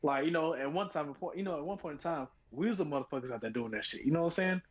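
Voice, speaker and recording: Male co-host, fast and loose, slightly high voice, keeps checking the listener follows. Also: breathy edge, highs cut off. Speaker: podcast co-host. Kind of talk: casual chat.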